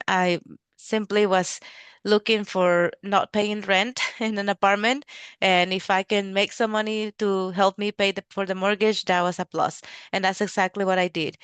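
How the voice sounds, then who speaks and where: A middle-aged woman from Mexico hosting a casual webinar, talking in a halting way with many restarts and fillers. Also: medium pitch, fairly bright tone, clear, resonant tone, dry recording. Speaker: real estate investor hosting a webinar.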